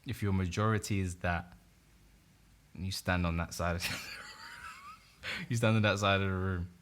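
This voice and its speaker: A man's voice: sits low, huge pitch swings, measured pace, fairly bright tone, slight background noise. A young man co-hosting a podcast, arguing his point insistently in a casual debate. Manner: insistent, repeats no over and over. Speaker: podcast co-host.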